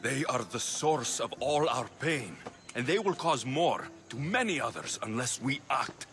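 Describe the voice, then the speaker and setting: An actor playing a young Spartan mercenary in a video game, earnest, wry and battle-hardened. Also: male voice, medium pitch, expressive, measured pace, fairly bright tone. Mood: determined. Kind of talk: dramatic video game cutscene acting.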